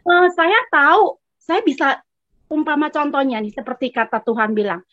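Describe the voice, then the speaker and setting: A woman with a high voice tells a casual church testimony, chatty and acting out each side of a conversation. The sound is close and dry, a little dull and lo-fi. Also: expressive, normal speed, fairly bright tone, no echo. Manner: chatty, acts out both sides of a conversation. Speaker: congregation member giving testimony.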